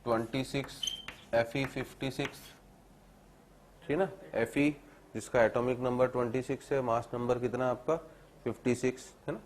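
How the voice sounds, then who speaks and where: A man teaching chemistry to a class, dictating notes slowly and checking in with students. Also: medium pitch, fairly even intonation, a little hiss or hum. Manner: repeats phrases slowly for dictation, keeps asking "theek hai na"; calls students "beta", explains step by step.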